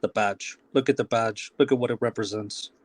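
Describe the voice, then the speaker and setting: An excitable man on a fan podcast. He jokes around and swears as he talks. His voice is mid-pitched and sounds dry and close. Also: a little fast, no echo. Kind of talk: casual football podcast chat.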